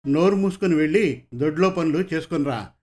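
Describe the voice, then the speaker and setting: A man's voice: a little high, fairly quick, darkish tone, close to an everyday voice. A man voicing a poor, unschooled farmhand father who pleads humbly with his landlord. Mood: gruff.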